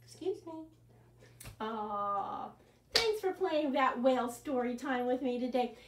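In a living room, a camera set well back across the room records a woman in her sixties, a children's librarian, reading a picture book aloud. Her high voice moves slowly and sounds reverberant and distant over a noisy background. She's animated, gasping and breaking into sing-song songs during storytime.

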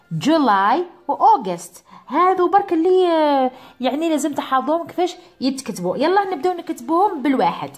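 A woman teacher with an Algerian Arabic accent stretches out each word and repeats it for her pupils. Her voice sits fairly high and swings widely in pitch. She moves now and then away from the mic. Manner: drawn-out repetitions of words for pupils. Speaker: English teacher. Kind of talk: classroom lesson.

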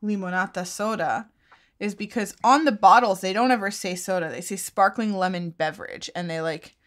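A woman's voice: medium pitch, moderate pace. Chatty woman co-hosting a live taste test. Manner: chatty, laughs easily, reads out viewer comments. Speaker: co-host. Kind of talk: casual live-stream chat.

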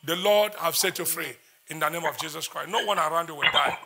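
A man's voice: on the high side, a little fast, vocal fry, sharp tone. A man, preaching as a prophet in a church service, intense and repetitive as he declares prayers.

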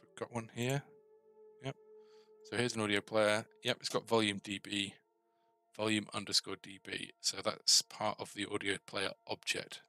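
A middle-aged game developer presenting a coding series gives a casual tutorial, musing and quizzing himself as he codes. His lowish voice is flat, pushed, and bright at a moderate pace, with faint music behind him.

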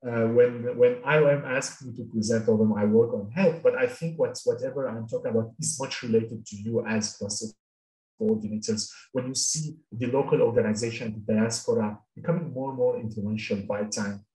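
A man's voice: medium pitch, fairly even intonation, moderate pace, mellow. A middle-aged man from Syria, a cluster coordinator, giving a webinar talk over a video call with many restarts and fillers. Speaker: panel speaker, cluster coordinator. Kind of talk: webinar presentation. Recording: roomy, distant video call audio.

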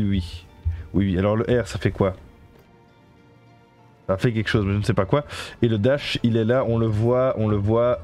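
A man with a French accent chats through a live game stream at a middle pitch, stopping often to read the on-screen text and translate it for his viewers. He talks in halting bursts full of fillers and restarts, with faint music playing behind him. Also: darkish tone. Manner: halting, many fillers and self-corrections, reads game text aloud and translates it; chats with viewers and thanks them. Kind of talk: casual live game commentary.

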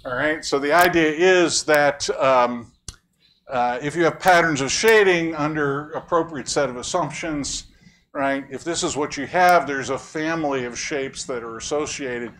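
In a lecture room, a man with a slightly high, fairly bright voice delivers an academic lecture at an unhurried pace. He explains ideas conversationally, quizzes audience members, and cracks wry jokes.

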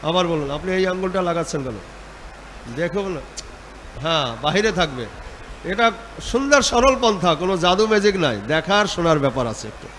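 High-voiced man leading devotional chanting. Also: expressive, brisk, pauses often, fairly bright tone, a little hiss or hum. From Bengal. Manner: exhorting, calls out and leads group chanting. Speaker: chanting instructor. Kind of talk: guided devotional chanting lesson.

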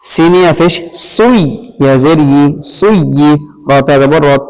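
A man teaching Quran reading, patiently spelling out each syllable and blending them in a slow, repetitive drill. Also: fairly high pitch, expressive, darkish tone, clear, resonant tone. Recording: long hall reverb.

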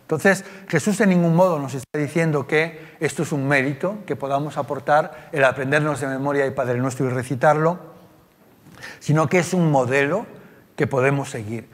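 A man's voice: fairly high pitch, normal speed. A male preacher with a Spain Spanish accent, giving a conversational sermon full of rhetorical tag questions. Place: church. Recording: long church reverb.

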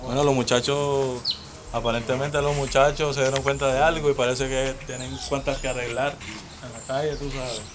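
A man plays a calm street boss, matter-of-fact and knowing. His voice sits at a middle pitch. Heavy outdoor noise fills the recording. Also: normal speed, close to an everyday voice. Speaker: actor in a street crime short film. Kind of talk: casual street talk. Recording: loud background noise.

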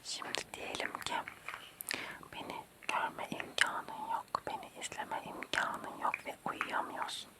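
An ASMR host in a whispered role-play, speaking quietly as if at night, softly reassuring and coaxing a listener to sleep with repeated words. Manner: hushed, quiet night-time bedtime whisper, slow and repetitive.

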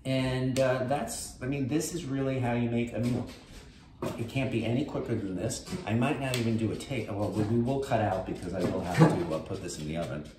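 A man's voice: mid-range voice, a little fast. An older man, chatting casually as he cooks and talks through each step in his home kitchen. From New York. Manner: chatty, rambling, health-focused asides. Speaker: host. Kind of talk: casual cooking demonstration. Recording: echoey kitchen with noise.

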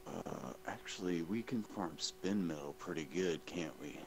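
A man's voice: low voice, unhurried, creaky, noisy background. A man playing a video game with a friend, laid-back and teasing, laughing often. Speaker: gamer co-op player. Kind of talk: casual gaming chat.

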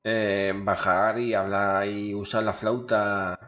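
Speaking slowly in a level, lowish voice with a fairly bright tone, this Spanish-accented man hosts a gaming video, muttering casual, crude commentary to himself. The sound is echoey and the mic dull, with faint game music behind him.

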